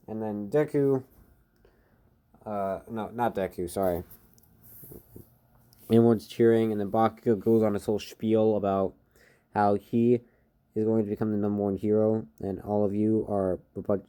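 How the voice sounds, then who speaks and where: Man improvising a story, mellow low voice, rambling and unscripted. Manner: rambling, full of fillers and restarts. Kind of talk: improvised fan story narration.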